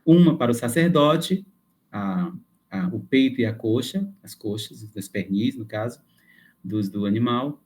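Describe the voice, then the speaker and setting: A man lecturing to a class, explaining things step by step. He thinks aloud, backs up and restarts phrases, and checks in with his listeners as he goes. His voice sits at an ordinary middle pitch for a man. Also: darkish tone.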